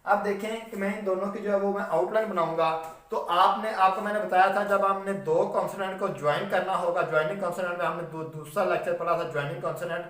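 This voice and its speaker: A man's voice: high voice, steady tone, fairly bright tone. Echoey distant man teaching shorthand. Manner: patient, repetitive explaining, frequent "theek hai" checks; spells out words slowly letter by letter. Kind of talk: classroom lecture.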